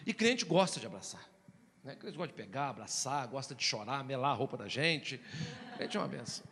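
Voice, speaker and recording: A man from Brazil preaching a sermon as pastor, telling a personal story in a lively, animated way and often calling his listeners brothers. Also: medium pitch, brisk, long reverb tail, a little hiss or hum. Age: has children.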